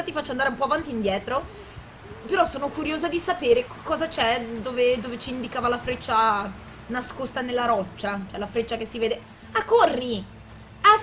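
A woman with a bright, fairly high voice hosts a let's play session, chatting along and talking straight to the game character. She gets alarmed quickly and often restarts her words. Her desk microphone picks up a faint hiss underneath. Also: poor audio. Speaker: gaming channel host.

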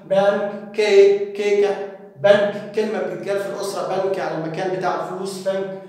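Fast, high-voiced Egyptian man teaching. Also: level tone, a little mellow. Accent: Egyptian Arabic. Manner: repeats each word, then explains it. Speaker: English teacher. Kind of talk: spoken English vocabulary lesson for parents. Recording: echoey hall from far off.

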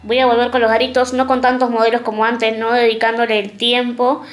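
A woman's voice: on the high side, little pitch movement, brisk. A young woman with an Argentine accent chatting casually to the camera in a vlog at home. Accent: Argentine (Rioplatense). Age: young adult. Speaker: vlogger. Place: small room at home.

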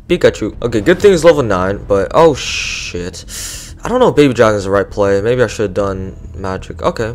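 A young man giving live gameplay commentary, excitable and swearing often, swinging from muttering to yelling. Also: medium pitch. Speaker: gaming YouTuber.

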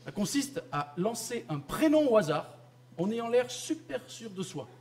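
A man's voice: high voice, very animated, normal speed. A young man from France doing stand-up comedy on a theatre stage, mocking and conversational. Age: young adult. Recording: live theatre, loud audience laughter.

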